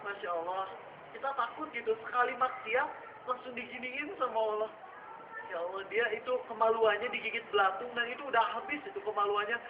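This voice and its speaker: Man, preacher, storytelling sermon, acts out voices, high voice, echoey room, distant mic. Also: a little fast. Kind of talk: sermon to students. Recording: echoey room heard from far off, dull and noisy.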